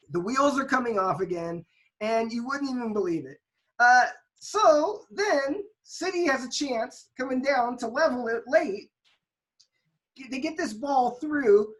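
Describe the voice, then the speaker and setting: A woman in casual podcast chat, retelling a soccer match in an animated play-by-play way with lots of restarts and emphasis. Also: sits high.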